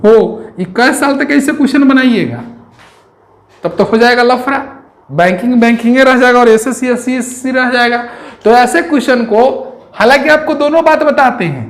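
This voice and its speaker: A man's voice: very high-pitched, normal speed. Guy teaching reasoning, keeps asking questions, roomy echo. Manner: chatty, counts aloud, asks rhetorical questions. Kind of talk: classroom lecture on exam reasoning.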